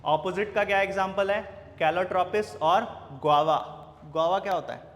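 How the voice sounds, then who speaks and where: A man's voice: sits high, normal speed, a bit bright, big-room sound. A male biology teacher lecturing in a classroom, quizzing his students with repeated questions and teasing them. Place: classroom with a whiteboard.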